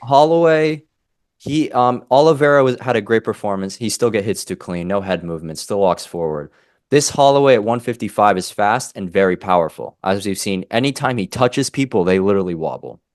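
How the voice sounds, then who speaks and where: A young man co-hosting a casual fight-analysis podcast, opinionated and animated, often breaking off mid-sentence. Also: fairly low pitch, a little fast, dry recording, clean studio sound. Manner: animated, opinionated, self-interrupting. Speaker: MMA podcast co-host.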